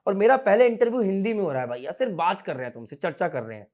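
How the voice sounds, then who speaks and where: A man's voice: sits high, lively intonation, very fast, darkish tone. A man in his thirties coaching students for interviews, blunt and scolding, switching between Hindi and English. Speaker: merchant navy interview coach. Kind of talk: coaching talk to camera. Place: room with students standing behind.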